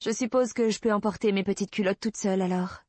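A sassy young woman, as the narrator puts her on, stubborn and teasing, her voice lifted high and bright. Slightly breathy and dry, like a close storybook read. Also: lively intonation, moderate pace, no room sound.

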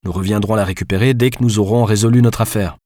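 A firm, commanding man who presses his point with insistent orders, as an audiobook narrator reads his lines. The voice sits low and dry, close to the microphone. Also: fairly even intonation, fast talker, mellow, no echo, natural voice.

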